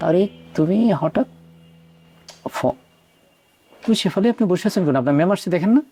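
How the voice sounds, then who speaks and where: A man's voice: high voice, animated, brisk, dark tone, soft background music. An actor playing a brusque property company boss giving orders to his assistant. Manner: brusque, commanding. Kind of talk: TV drama acting.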